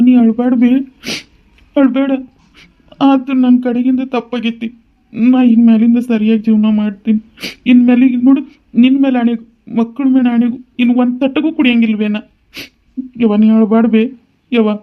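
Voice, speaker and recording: A man's voice: high voice, completely flat delivery, very fast, hardly any pauses, lightly acted. A man voicing a remorseful young son who pleads with his crying mother, in a North Karnataka Kannada accent. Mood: pleading. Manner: pleading, apologetic. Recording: dull lo-fi recording.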